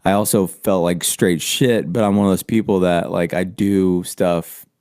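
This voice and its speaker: A man's voice: deep voice, steady tone, unhurried, a little mellow, clean tone, no echo, studio quality. A man co-hosting a podcast, rambling and joking in a laid-back, casual chat. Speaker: podcast co-host.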